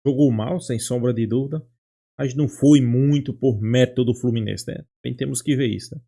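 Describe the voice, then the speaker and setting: A man's voice: medium pitch, a little fast, creaky, warm tone. A man on a sports show, firmly disagreeing about a football match. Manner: firm, disagreeing. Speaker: football commentator.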